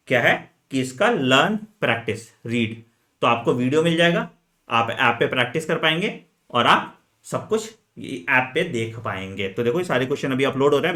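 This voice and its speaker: A man coaching medical entrance students in an energetic, chatty lesson, talking straight to them and dropping frequent fillers. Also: mid-range voice. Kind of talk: energetic exam-strategy lesson, chatty Hinglish.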